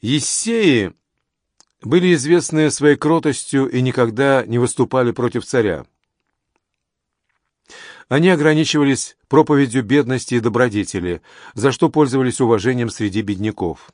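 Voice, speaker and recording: A man narrating an audiobook in a steady, measured storytelling manner. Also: medium pitch, no room sound, studio quality.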